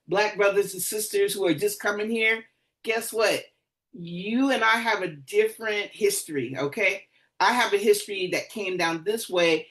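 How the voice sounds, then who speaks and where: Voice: mid-range voice, a bit bright, rough recording. Emphatic host who checks for agreement. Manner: emphatic, asks "okay?" for agreement. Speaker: meeting host. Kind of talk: leading a group discussion.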